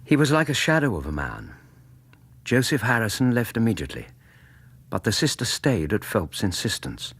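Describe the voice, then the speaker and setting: An actor playing a genial Victorian British doctor who narrates in a literary manner in a radio drama. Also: male voice, lowish voice, huge pitch swings, normal speed, fairly bright tone, breathy edge, full character voice. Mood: measured, narrating. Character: genial Victorian English doctor, sidekick and storyteller.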